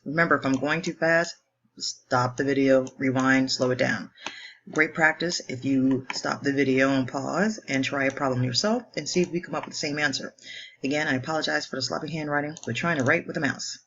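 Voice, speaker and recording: Brisk woman teacher walking through math. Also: rumbling low, a bit bright, lo-fi sound, a little hiss or hum. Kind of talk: homework walkthrough lesson.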